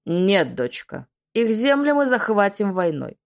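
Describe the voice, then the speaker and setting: A woman's voice: mid-range voice, big pitch swings, unhurried, voice pushed up. A woman reading an audiobook, voicing a cruel, domineering male demon lord who barks orders with scorn. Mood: cold scornful.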